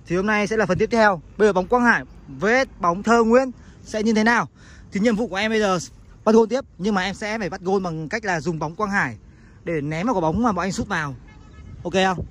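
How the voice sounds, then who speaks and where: Very high-pitched male host, excited. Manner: exclaiming, urging players on. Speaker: host running football challenges. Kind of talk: excited challenge commentary and instructions. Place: outdoor artificial-turf football pitch. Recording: noisy open-air recording.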